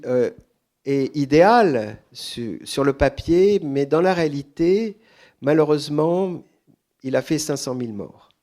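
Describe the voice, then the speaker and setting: A man speaking off the cuff as a guest at a public talk, deliberate and hesitant, repeating words for emphasis. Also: medium pitch, darkish tone. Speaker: guest author answering audience questions. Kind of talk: extemporaneous answers at a public talk.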